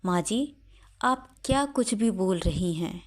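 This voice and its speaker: A woman voicing a gentle, worried young daughter-in-law who pleads politely. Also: mid-range voice, expressive, slow pace. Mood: pleading.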